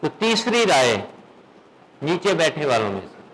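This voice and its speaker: A man's fairly high voice leads a classroom recitation lesson. He fires questions at his students and checks they follow. He slows right down to drill each sound. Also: sing-song, a bit bright, low-quality recording. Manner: quizzes students, then drills sounds slowly; firm, often checks with "okay?". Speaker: Quran recitation teacher.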